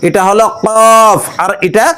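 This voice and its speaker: A male Quran teacher leading a call-and-response pronunciation lesson, stretching each sound slowly for a class to repeat. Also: high-pitched, steady tone, pushed and bright, clean tone.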